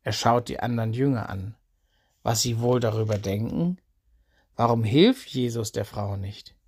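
Man gently narrating a Bible story. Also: medium pitch, moderate pace, breathy edge.

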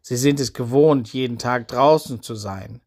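A man telling a Bible story for children. He speaks in short, simple sentences with a gentle, steady storytelling manner. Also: mid-range voice, moderate pace.

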